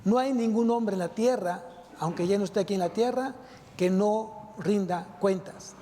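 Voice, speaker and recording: A man's voice: high-pitched, moderate pace, dark tone, a little hiss or hum. A man preaching a sermon to his congregation, putting emphatic rhetorical questions to them. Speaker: pastor. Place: church sanctuary. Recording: long reverb of a church hall.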